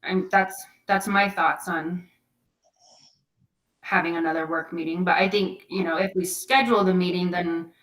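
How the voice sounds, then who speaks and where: A woman's voice: on the low side, steady tone, moderate pace, fairly bright tone. A woman council member in a meeting discussion, earnest and persuasive with ums and restarts. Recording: echoey room, far from mic.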